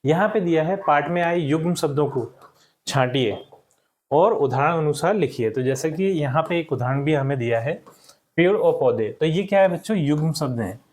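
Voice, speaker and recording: A young adult male teacher giving a recorded lesson to schoolchildren, repeating each word slowly and checking in with the class after each point. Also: a little high, expressive, a little mellow. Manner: addresses the class as children, checks with "ठीक".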